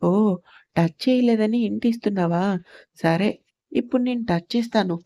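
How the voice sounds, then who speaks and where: A woman's voice: mid-range voice, moderate pace, mellow, dry recording, close to an everyday voice. A woman voicing a stern young husband who talks bossily and teases his wife in a storybook reading. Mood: teasing.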